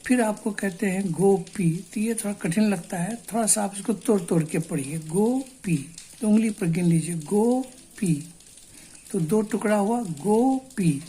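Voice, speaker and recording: A woman teaching a basic English lesson in Hindi, explaining slowly and repeating words syllable by syllable. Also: medium pitch, dark tone, slightly rough. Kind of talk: spoken Hindi language lesson.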